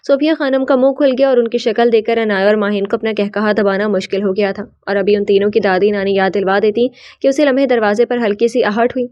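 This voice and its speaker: A woman narrating a novel in an even, storytelling manner for an audiobook. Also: medium pitch, hardly any pauses, dry recording. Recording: dull, slightly lo-fi.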